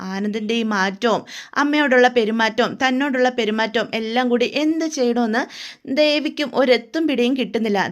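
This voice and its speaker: A woman recapping a drama serial in a chatty storytelling way, often turning to the listener. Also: fairly high pitch. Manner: chatty, addresses listener directly.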